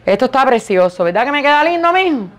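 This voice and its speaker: A woman with a loud, high voice, chatting playfully and joking about herself while she models clothes in a boutique for a vlog. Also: very animated, fast talker. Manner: playful, joking, self-mocking.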